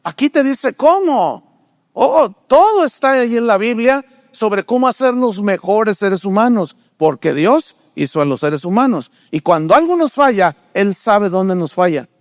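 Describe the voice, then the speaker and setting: An older pastor's sermon moves at a moderate pace with hardly any pauses. He poses rhetorical questions to the congregation and animates his stories by playing characters in a raised pitch. The sound is clean studio quality without echo.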